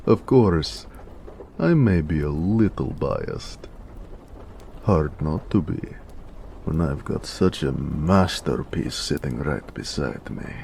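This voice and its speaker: For a romantic audio roleplay, a man voices a big orc blacksmith in a low, gravelly tone, playfully teasing and doting on his lover with frequent chuckles. He speaks slowly with long pauses, heavily acted, tender and flirtatious, his pitch swinging very lively. Some ambient noise lingers behind him.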